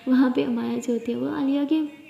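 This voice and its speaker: A woman narrating a love story in a relaxed, chatty way, with a dull, echoey room sound. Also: high-pitched, brisk, creaky.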